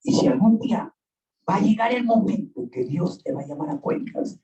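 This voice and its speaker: A pastor preaches a sermon in a high, warm voice that swings widely in pitch, speaking fairly quickly. He is emphatic, repeats his points, and addresses listeners directly. The recording is dull, echoey and distant, made in a church hall.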